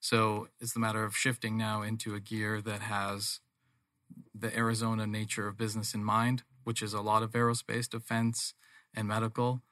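Male interview guest, North American accent, earnest and wordy, forceful bright tone, fairly flat delivery. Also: on the low side, normal speed, dry recording, clean studio sound. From England, later Toronto, Canada. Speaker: guest, manufacturing business owner. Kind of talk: conversational interview.

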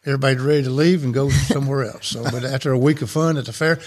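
A man's voice: mid-range voice, fairly even intonation, racing, a little mellow. A man, a club president talking at length as an interview guest in a folksy, rambling way. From Rome, Georgia, USA. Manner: talkative, folksy, rambling explanations. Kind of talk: casual interview chat.

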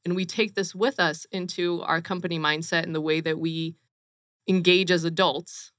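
A woman's voice: on the low side, fairly even intonation, moderate pace, fairly bright tone, dry recording, studio quality. A woman from Romania, a company co-founder, speaking earnestly and emphatically as an interview guest. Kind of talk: casual interview chat.

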